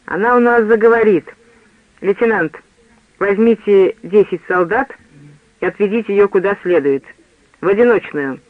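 A man's voice: high-pitched, moderate pace, long pauses, no echo, lightly acted. A man voicing a furious, bullying military prosecutor who bellows threats in an audiobook. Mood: menacing. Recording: tinny phone-like dry sound.

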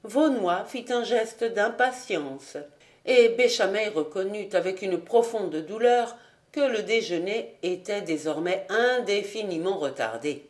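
A woman narrating an audiobook of a classic novel in a clear, measured reading voice. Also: mid-range voice, animated, darkish tone. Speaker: audiobook reader.

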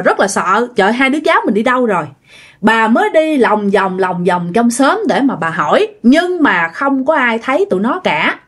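Southern vietnamese woman telling a ghost story, chatty, talks right to listeners, high lively voice. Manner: chatty, addresses listeners directly. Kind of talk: casual ghost story narration.

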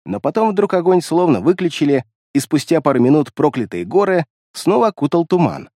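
Casting: male fantasy audiobook narrator, calm expressive storyteller, a bit higher voice, dry studio. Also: fairly quick, dry recording.

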